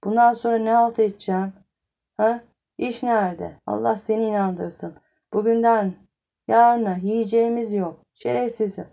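A woman's voice: fairly high pitch, fairly even intonation, normal speed, creaky, warm tone. A woman voicing a desperate, newly fired male clerk who complains agitatedly in an audiobook story.

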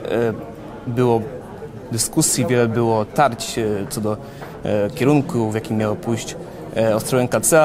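A young man interviewing a guest at a conference, asking brisk questions with filler hesitations. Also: medium pitch. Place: conference interview stand, indoors. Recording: busy crowd chatter behind.

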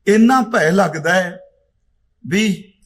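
Middle-aged male preacher, raised pitch, slow chanted verses between plain explanation. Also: lively intonation, fairly bright tone. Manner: chants scripture lines slowly, explains in plain speech. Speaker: Sikh preacher giving katha. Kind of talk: religious discourse on scripture.

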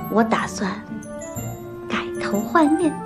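A lively young wife, teasing and self-assured. Her voice sits at a medium pitch. Music plays clearly behind her. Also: slow pace. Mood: determined. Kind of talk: TV drama acting. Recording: drama with strong music score.

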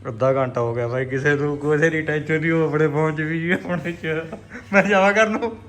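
A Punjabi-accented man hosts a casual vlog among friends. His voice sits high and moves quickly, with an informal, teasing back-and-forth delivery. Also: fairly bright tone, a little hiss or hum. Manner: informal, bantering. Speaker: vlog host. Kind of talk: casual chat with friends while filming.

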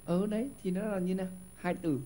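A man hosting a TV quiz show in a studio, giving lively hints and often stumbling over repeated words. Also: high-pitched, a little fast. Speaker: game show host.

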